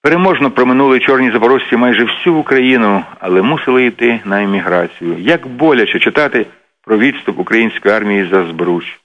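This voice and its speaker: A man hosting a radio program, giving an earnest, emotive scripted reading. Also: fairly low pitch. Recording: dull lo-fi radio recording.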